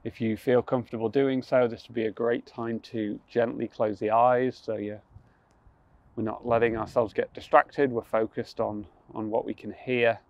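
A young man leading a guided mindfulness practice outdoors on a rooftop, speaking calmly, slowly and gently, with soft restarts. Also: medium pitch, no room sound, dull audio. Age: young adult. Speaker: mindfulness instructor.

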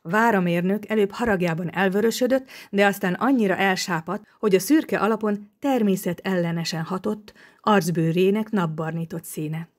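A woman narrating a detective novel audiobook in a steady, measured reading. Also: mid-range voice. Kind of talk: scripted narration.

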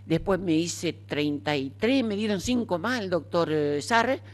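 A woman's voice: fairly low pitch, expressive, a little slow. An older woman with an Argentine accent, telling her own story frankly and chattily in an interview, with many fillers. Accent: Argentine Spanish. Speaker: interviewee, cancer survivor. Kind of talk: casual conversational storytelling.

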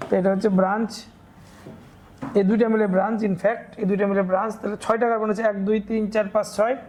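A man's voice: sits high, little pitch movement, rapid-fire, a little mellow. A man teaching a school chemistry lesson, working through examples step by step, counting aloud and asking and answering his own questions. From Bangladesh.

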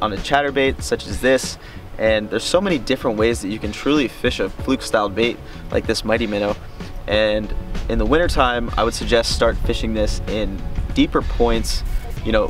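Upbeat young man on a lake. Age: young adult. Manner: upbeat, enthusiastic pitch. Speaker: fishing channel host. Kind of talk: product review to camera. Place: small boat on a lake outdoors. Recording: clear background music. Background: music.

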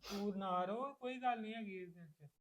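A man playing a young husband who gently reassures his crying wife in a family drama. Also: sits high, brisk. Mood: soothing. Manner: soothing, reassuring. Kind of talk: amateur family drama acting.

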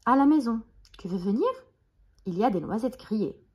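A woman voicing a small, eager boy hamster who dreams of being a cowboy, speaking high and excited in a storybook. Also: fairly quick, husky, highs cut off. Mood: proud.

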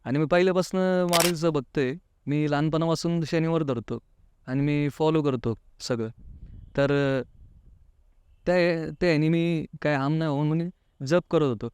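A man's voice: on the high side, fairly even intonation, moderate pace, a little mellow, clean tone, no echo. A man recounting a personal experience as an interview guest, chatty, acting out what people said and dropping in a constant filler phrase. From Pune, India. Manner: talkative, keeps adding the filler "नाही का"; often acts out quoted dialogue. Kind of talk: casual interview storytelling.

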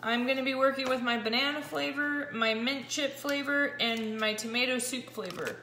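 A woman in her forties, a keto vlogger, chats excitedly to camera at a normal speed in a high, slightly scratchy voice, fiddling with a meter as she talks. The recording comes from her echoey home kitchen, with background noise audible and the camera trained down on the countertop.

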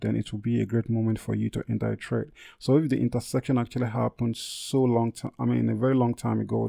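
A man's voice: mid-range voice, vocal fry, mellow, no room sound. A man hosting a casual trading tutorial over a screen recording, repeating himself and correcting his words with many fillers. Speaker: trading channel host.

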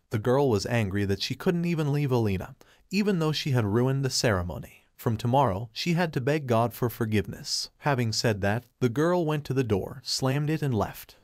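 A man reading a scripted story recap in a steady, even narrating voice. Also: medium pitch, dry recording, clean studio sound.

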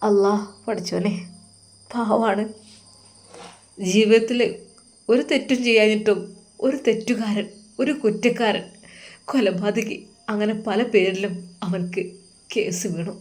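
A woman's voice: mid-range voice, fairly even intonation, a little slow, pauses often, darkish tone, lightly acted. A woman with a Malabar Malayalam accent voicing a loyal young male friend who talks bluntly and pleads. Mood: firm, pitying.

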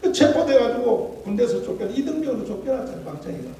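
A man in his sixties with a Gyeongsang accent, preaching a fiery political sermon at a breakfast gathering, swinging from low mutters to loud shouts. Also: big pitch swings, fast, vocal fry. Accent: Gyeongsang Korean. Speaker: pastor. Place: large hall at a breakfast gathering. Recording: echoey hall, mic at a distance.

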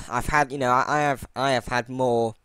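A man with a medium-pitched, steady, bright and forceful yet smooth voice talks through a computer tutorial at normal speed while recording his screen. He rambles with fillers and restarts and self-deprecatingly apologizes for his boring voice, and the recording is dry.

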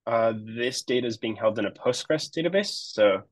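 A man's voice: mid-range voice, expressive, normal speed, no room sound, low-quality recording. A man on a marketing web team giving a casual, explanatory screen-share walkthrough of a project he set up, with frequent fillers. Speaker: web developer.

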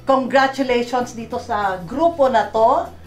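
A woman's voice: fairly high pitch, moderate pace, reverberant, soft background music. A middle-aged woman with a Filipino accent hosting a magazine show, switching between Tagalog and English. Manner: mixes Tagalog and English, lively. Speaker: host.

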